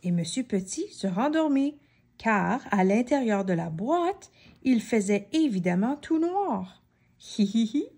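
A woman reading a children's story aloud, slowly and expressively, giving each character a voice. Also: on the high side. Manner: expressive, slow and clear, voicing many characters.

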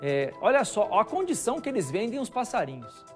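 A man's voice: high voice, very animated, fairly quick, darkish tone. A Brazilian man anchoring the news in a studio, talking loosely and indignantly. He throws out rhetorical questions, and faint music plays behind him. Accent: Brazilian Portuguese. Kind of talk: opinionated studio news commentary.

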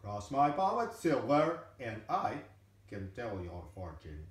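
A man's voice: on the low side, huge pitch swings, slow, exaggerated voice. A man voicing a grandiose, greedy male fortune-telling machine that announces itself with self-important flourish. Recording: very echoey room, from a distance.

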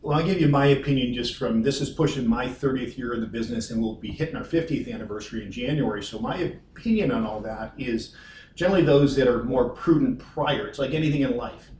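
A man's voice: mid-range voice, fast, noisy background. Reassuring middle-aged man, echoey room. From Western New York. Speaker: financial firm president. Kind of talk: reassuring conference-room talk. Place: wood-paneled conference room. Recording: roomy echo from far off.

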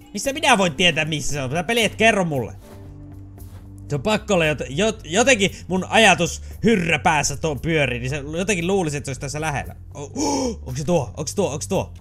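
A man giving casual, excitable commentary while playing a video game, swearing, yelping and slipping into English phrases. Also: a little high. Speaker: let's play gamer.

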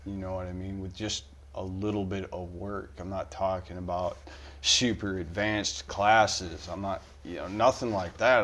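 A middle-aged man, a fishing guide, talking casually on a podcast, rambling with many restarts. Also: fairly low pitch.

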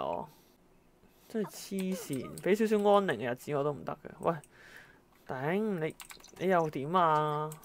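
A woman's voice: lowish voice, slight background noise. A woman giving exasperated let's-play commentary, exclaiming at the characters in her game. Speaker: gameplay commentator.

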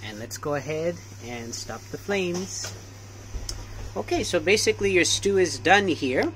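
A young man chatting casually through a cooking demonstration in a small home kitchen, relaxed and full of fillers. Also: fairly high pitch, measured pace, slight background noise. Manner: relaxed, hesitant, many fillers. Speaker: cooking vlogger.

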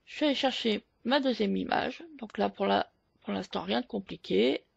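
A woman hosting a photo editing tutorial, explaining each step slowly with hesitant fillers. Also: medium pitch, gravelly, breathy edge, no room sound, lo-fi sound. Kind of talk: screen-recorded software tutorial.

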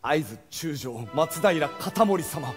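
A man's voice: on the high side, animated, slow pace. An actor playing a tense, loyal male vice-commander who speaks in a clipped, formal, deferential way, on a stage recording with music.

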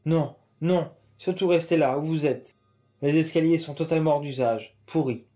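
A worried mother speaks softly to calm her children, as a male narrator voices her. The voice is gentle and warm, a little raised in pitch. It comes from a spooky audiobook story. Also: moderate pace, soft background music, natural voice. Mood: reassuring. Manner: soft, reassuring. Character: worried loving mother Marianne.

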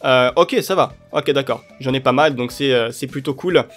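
A young man giving excitable, chatty commentary over his football video game matches, cheering at goals. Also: mid-range voice, moderate pace. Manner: excitable, cheers and shouts at plays. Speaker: gaming YouTuber. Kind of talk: live gameplay commentary. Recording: light music underneath.

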